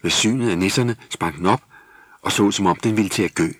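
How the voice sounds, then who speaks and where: Husky low-voiced man reading a Christmas story. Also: a bit bright, no echo. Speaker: narrator. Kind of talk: scripted storybook narration.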